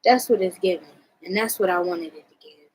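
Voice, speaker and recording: Husky, casual American woman chatting. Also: lowish voice, brisk, darkish tone, rough recording. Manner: laid-back rambling, swearing freely. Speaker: vlogger showing own artwork. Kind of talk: casual chat.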